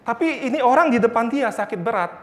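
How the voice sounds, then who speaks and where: Male Bible teacher, high voice, earnest storytelling sermon. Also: expressive, fast. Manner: earnest, storytelling with repeated phrases.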